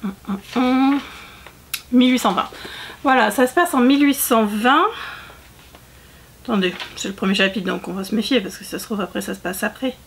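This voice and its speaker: A woman's voice: a little high, normal speed, long pauses, a little hiss or hum. A woman book vlogger chatting casually to her viewers, talkative, with frequent fillers and self-corrections. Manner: chatty, full of fillers and restarts. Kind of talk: casual chat to camera.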